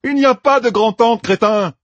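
A man's voice: a little high, very animated, slightly rough, dry recording, lo-fi sound, voice pushed up. A man doing a brash, bossy young schemer. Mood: emphatic. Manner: bossy, emphatic, rapid-fire planning.

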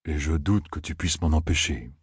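Gentle giant creature voiced by a man, very deep, soft, husky, dry. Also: moderate pace, no echo, full character voice.

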